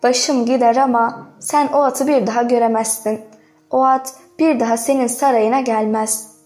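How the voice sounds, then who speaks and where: A woman's voice: a little high, moderate pace, soft background music, close to an everyday voice. A woman reading as a defiant mountain man. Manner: defiant, steady.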